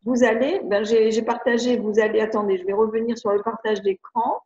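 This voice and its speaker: Woman, French accent, chatty and halting, webinar host, roomy dull video-call sound. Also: a little high, fairly even intonation, noisy background. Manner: hesitant, many restarts and fillers, chatty. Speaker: educator hosting a webinar. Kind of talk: live video-conference talk, reading viewer questions. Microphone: computer mic on video call.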